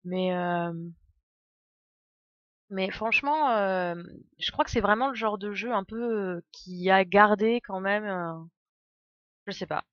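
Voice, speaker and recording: A woman casually and playfully commentates a game live, drifting into chatty asides. Her medium-pitched voice moves slowly with long pauses. The sound is very dry and a bit dull, with no room sound, like a close home stream.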